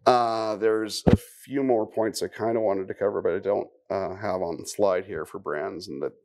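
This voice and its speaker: A man giving a live technical conference talk, conversational, with wry asides and quick questions to the audience. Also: fairly low pitch, steady tone, a little mellow. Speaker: conference speaker.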